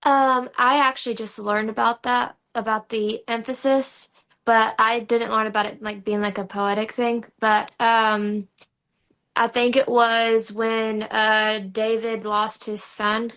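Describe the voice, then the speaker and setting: Woman student answering in class, hesitant, flat and slow. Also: a little high. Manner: hesitant, many fillers.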